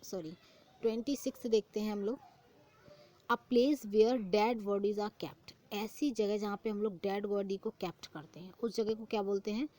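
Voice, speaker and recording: Slowly reading English phrases and explaining each one in Hindi, a young woman leads a vocabulary lesson for exam preparation. She frequently restates the answer as a question. Her medium-pitched voice is steady and warm.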